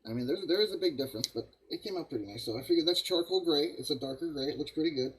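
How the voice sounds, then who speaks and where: A man's voice: on the high side, very fast, a little hiss or hum, low-quality recording. An older man hosting a live model-building stream, rambling casually to viewers and chuckling at himself. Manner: rambling, self-deprecating, chuckles often, talks to viewers as guys.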